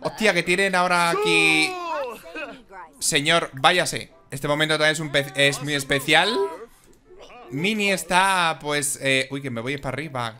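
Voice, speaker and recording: A man giving casual, excitable and emotional commentary on a life-simulation game. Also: a little high, measured pace, music in the background. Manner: excitable and emotional, exclaims and giggles. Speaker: gaming video host.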